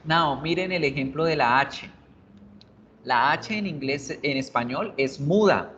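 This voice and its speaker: A man's voice: a little high, unhurried, fairly bright tone, dull audio, slight background noise. A male English teacher explaining in a video lesson, patiently repeating words to drill pronunciation.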